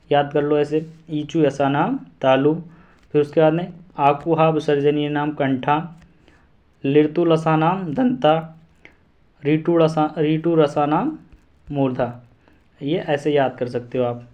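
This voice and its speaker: Man teaching an exam prep class, slow and patient, keeps repeating sounds and rhymes, kinda muffled lo-fi audio. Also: fairly high pitch, steady tone, a little mellow. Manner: slow, repeats syllables and mnemonics aloud.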